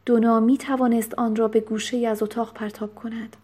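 A woman reads a novel aloud as an audiobook narrator. Her delivery is calm and measured, with a voice sitting a little higher than most women's. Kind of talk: scripted storybook narration.

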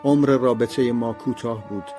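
A man reading a first-person memoir aloud as an audiobook, reflective, with his voice swinging between hushed and fuller passages. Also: mid-range voice, music in the background. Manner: reflective, with wide shifts from soft to loud. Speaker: narrator.

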